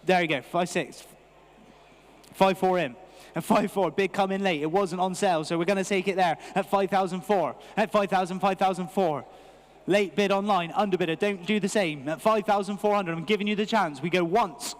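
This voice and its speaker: British male auctioneer, high-set voice, rhythmic repeated bid calls, long hall reverb. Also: moderate pace. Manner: repetitive rhythmic chanting of figures. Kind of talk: live auction bid calling.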